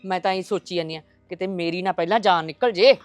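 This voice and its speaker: An actress playing a stubborn mother-in-law who wants a grandson, with a loud scolding Punjabi way of talking. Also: fairly low pitch, quick pace, no echo, faint music behind, natural voice. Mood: coaxing. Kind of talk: village family drama acting.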